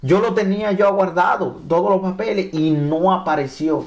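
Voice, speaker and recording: A man's voice: high-pitched, normal speed, a crowd in the background. Mexican man telling his story. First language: Spanish. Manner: repeats and restarts phrases, acts out quoted dialogue. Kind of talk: animated personal testimony.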